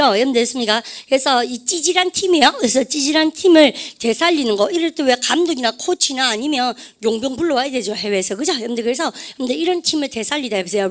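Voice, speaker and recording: A woman lecturing on vocabulary with a somewhat high voice. She keeps calling out to her class, circles back over the same points and drills pronunciation with call-and-response cues. It sounds like a recorded online lesson. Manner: repetitive, addresses students constantly, drills pronunciation with call-and-response. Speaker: English vocabulary teacher for civil service exam students.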